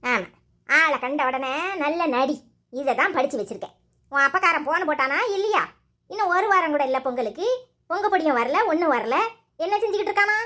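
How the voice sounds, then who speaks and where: Animated and high-pitched, a woman plays a cartoon's sharp-tongued, nagging elderly mother-in-law. Her scolding in Tirunelveli Tamil is quick and sarcastic.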